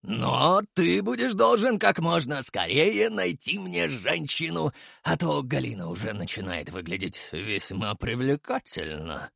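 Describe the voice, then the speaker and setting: A man voicing a gruff, lecherous sergeant-major who grumbles and swears in a coarse, sly way in an audiobook. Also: medium pitch, lively intonation, a little slow, fairly bright tone, no room sound, clean studio sound, full character voice. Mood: grumbling.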